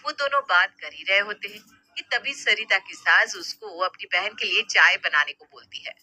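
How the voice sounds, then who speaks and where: A woman narrating an animated story in a plain, even storytelling manner. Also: medium pitch, normal speed, slightly rough, no room sound.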